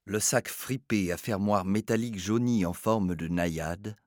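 A man narrating a story in a scripted, expressive and theatrical reading. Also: lowish voice, a little slow, dry recording, clean studio sound.

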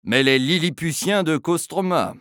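A man voicing a calm, brisk male receptionist in a spoken story, with a sonorous, firm delivery. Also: fairly high pitch, no echo, studio quality, voice pushed up, close to an everyday voice. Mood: unruffled. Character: unflappable male receptionist, brisk and dryly ironic.

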